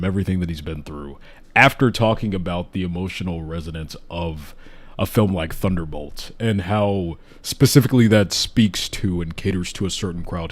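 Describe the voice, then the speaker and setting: Low-voiced man chatting enthusiastically. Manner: enthusiastic, rambling with restarts. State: hiccuping. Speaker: host. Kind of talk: casual podcast chat.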